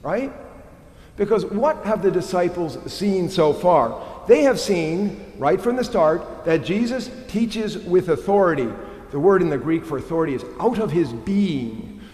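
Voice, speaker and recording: A middle-aged man preaching a sermon as a pastor, animated and tossing in rhetorical questions. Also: a little high. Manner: animated, frequent rhetorical "right?". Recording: echoey hall with long reverb.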